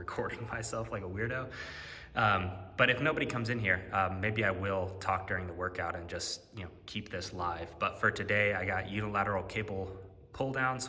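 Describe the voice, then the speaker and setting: A man's voice: sits low, sharp tone. A man chatting casually in a fitness vlog, rambling with many fillers and restarts, his mic adding a cave-like echo. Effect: cave-like echo from a faulty mic cable. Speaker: fitness vlogger. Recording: echoey, cave-like reverb on the mic.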